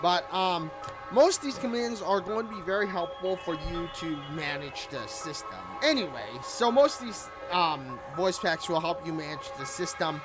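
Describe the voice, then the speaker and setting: The recording is low quality: a gaming host with a medium-pitched, lively voice talks at a moderate pace through a casual, rambling game review. It's lightly scripted commentary from a small room at home, full of repetition and rephrasing, with music in the background.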